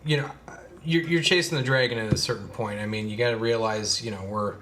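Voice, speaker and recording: A man's voice: fairly low pitch, a little fast, a bit bright, slight background noise. A man in his late twenties or early thirties co-hosting a podcast, chatting casually in a laid-back, rambling way, swearing freely and laughing often. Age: late 20s to early 30s. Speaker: podcast co-host. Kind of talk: casual chat.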